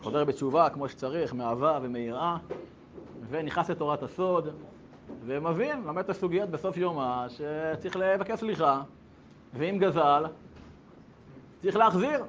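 A man telling a story in casual spoken style, lively and animated as he acts out characters. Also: a little high, pauses often, muffled recording, slight background noise.

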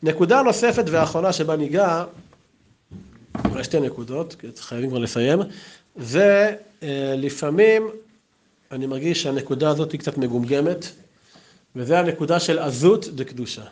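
A man giving an anecdotal memorial talk as a yeshiva teacher, telling stories in a lively way. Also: fairly high pitch, a little hiss or hum. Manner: lively, storytelling, acts out quotes.

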